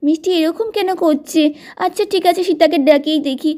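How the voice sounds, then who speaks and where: A woman's voice: very high voice, fairly quick, darkish tone. A woman voicing a worried young mother in a doll-play story, fussing and scolding. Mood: concerned. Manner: fretful, scolding. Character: anxious young mother fussing over kids.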